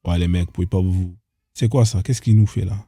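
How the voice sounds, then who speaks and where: A man's voice: low-pitched, steady tone, a little fast, dark tone. A man hosting casual reaction commentary on odd internet clips, incredulous and firing off rhetorical questions in street slang. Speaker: host reacting to social media clips.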